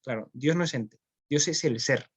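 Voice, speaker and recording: A man's voice: mid-range voice, moderate pace, husky. A man with a Spanish accent, teaching philosophy in a classroom, explaining step by step and often checking in with his students. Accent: Spain. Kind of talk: classroom lecture.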